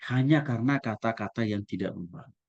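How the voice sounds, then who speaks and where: A man's voice: fairly low pitch, fairly quick, highs cut off. A male pastor giving a teaching sermon, asking his listeners questions and acting out examples. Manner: lively, asks listeners questions, acts out examples.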